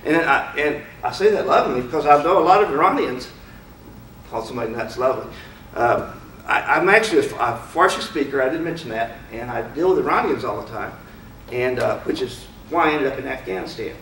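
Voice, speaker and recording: In a roomy lecture hall recorded from afar, a man talks frankly and conversationally to his audience, posing one rhetorical question after another. His mid-range voice is animated, brisk and a bit bright, with a slight hiss or hum underneath.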